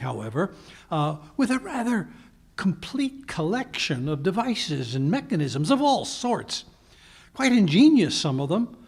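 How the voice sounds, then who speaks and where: A man playing a flustered, bumbling older gentleman doctor with a hesitant, stammering delivery in a live radio play. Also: fairly high pitch, vocal fry, heavily acted. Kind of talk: live recreation of 1940s radio drama.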